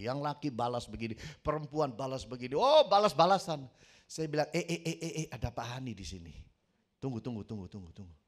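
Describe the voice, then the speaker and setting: Middle-aged male pastor from Indonesia, preaching a story-driven sermon that swells into loud emphatic appeals. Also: medium pitch. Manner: storytelling, acts out quotes, builds to loud emphatic peaks.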